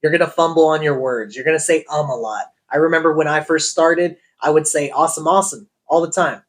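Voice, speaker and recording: Real estate guy, kinda high voice, coaching cold calls and acting out lines. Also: steady tone, fairly quick. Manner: acts out call lines with shifting pitch. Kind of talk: sales training talk.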